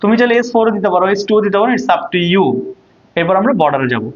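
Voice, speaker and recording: Brief: Bangladeshi male tutor, higher pitch, steady drilling "ঠিক আছে?", somewhat dull lo-fi sound. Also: quick pace. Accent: Bangladeshi Bengali. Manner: asks questions and answers them himself, repeats "ঠিক আছে?". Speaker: ICT teacher. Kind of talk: online lecture to students.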